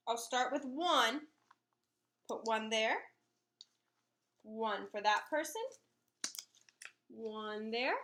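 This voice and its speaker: A woman with a high-pitched, slightly bright voice reads a picture book aloud to young children as part of a maths lesson. Acting as the teacher, she demonstrates and explains simply, step by step, in an instructive way.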